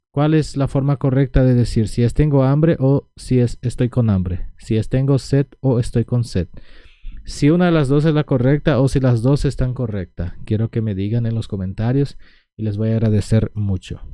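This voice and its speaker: A man gives an online language lesson in a slow, patient way, repeating each word so learners can follow. His voice is very dark and mellow. The recording is dry and close, with no room echo. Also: mid-range voice. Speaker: Guarani language teacher.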